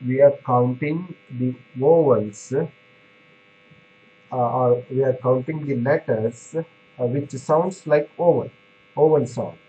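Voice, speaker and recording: A male pharmacy lecturer talks students through the material slowly, pausing on fillers and restarting his sentences. He keeps checking in with a quick "right?" as he explains. The recording is dull and lo-fi, with a faint electrical hum underneath. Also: medium pitch, warm tone. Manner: halting, many fillers and restarts. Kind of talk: classroom lecture.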